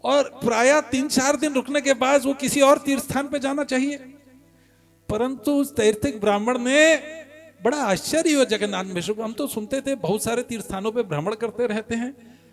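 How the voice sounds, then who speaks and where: A man's voice: very high-pitched, moderate pace, creaky, soft background music. A man preaching a devotional sermon, telling the story with animation and putting questions to the audience.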